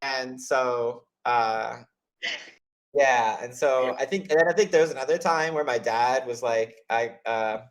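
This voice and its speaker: A man hosting a chat, telling stories casually and rambling, with many "like" fillers and restarts, and acting out quoted voices. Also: measured pace. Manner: rambling, heavy use of "like" and restarts; acts out quoted voices with lively pitch jumps. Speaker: host of office hours.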